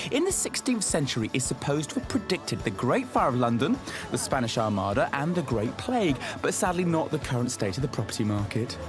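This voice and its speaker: A man presenting a home-selling show with a very lively, sing-song voice. He tours the house chatting to camera and keeps dropping cheeky puns and mock-dramatic remarks. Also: on the high side. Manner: playful, punning, theatrical asides. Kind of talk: jokey TV presenting and narration.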